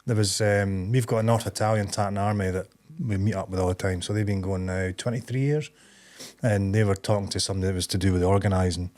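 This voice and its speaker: A man's voice: sits low, steady tone, fast talker, darkish tone. A man with a Scottish accent co-hosting a podcast, telling stories in an easygoing, chatty way. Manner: chatty storyteller, easygoing, drops into laughter. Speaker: podcast co-host. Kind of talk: casual chat.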